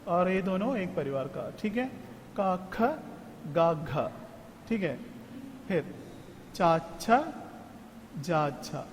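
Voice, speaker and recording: A high-pitched man from teaches an online class, sounding out syllables very slowly one by one and often pausing to check in. His voice rings in a room with a long reverb and faint background noise. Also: darkish tone. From South India. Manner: slow, drilling syllables one by one with frequent "theek hai?". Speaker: Hindi teacher.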